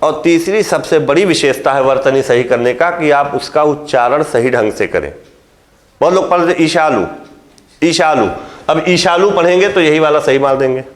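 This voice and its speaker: A man's voice: fairly high pitch, lively intonation, normal speed, reverberant. A man teaching a Hindi grammar lesson for an exam course, explaining each point step by step and often checking whether the class has understood.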